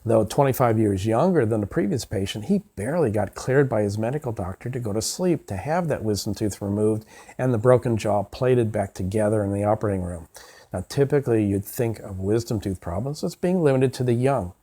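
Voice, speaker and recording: An older man, an oral surgeon, giving a scripted educational narration of case histories in a measured, formal manner with emphasis on key words. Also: fairly low pitch, expressive, warm tone. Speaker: oral surgeon presenting cases.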